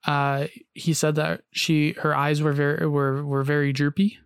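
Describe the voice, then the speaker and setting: A man's voice: fairly high pitch, level tone, unhurried, clear, resonant tone, dry recording, studio quality. A man hosting a casual podcast, telling a story with frequent "uh"s and restarts and reading long quotes aloud. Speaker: podcast host.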